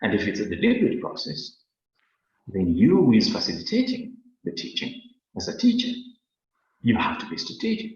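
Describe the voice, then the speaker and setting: A man's voice: mid-range voice, wildly swooping pitch, moderate pace, a little mellow. A man from Kenya with a Kenyan accent, giving an earnest webinar lesson and often repeating words as he searches for them. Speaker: webinar teacher. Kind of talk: lecture on a webinar. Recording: very echoey, dull lo-fi webinar audio.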